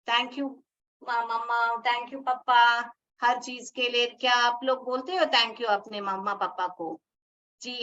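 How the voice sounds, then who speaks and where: Slow, patient woman teacher. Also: high voice, bright, forceful tone, far from the mic, lo-fi sound. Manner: slow, patient, repeats words for children. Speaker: school English teacher. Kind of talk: classroom lesson addressing children.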